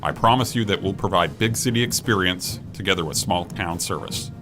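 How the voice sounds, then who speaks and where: A man's voice: low-pitched, fairly quick, loud music behind the voice. A middle-aged man reading a scripted advertisement for his own professional firm. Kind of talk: scripted ad read.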